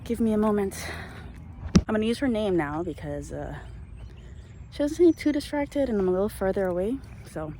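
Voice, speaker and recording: A woman's voice: mid-range voice, animated, moderate pace, pauses often. A woman chatting casually to camera as she walks and handles her dog, explaining things like an owner giving training tips. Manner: talking while out walking and handling a dog. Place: out on a walk with a dog. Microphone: handheld camera microphone. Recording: noisy handheld camera recording.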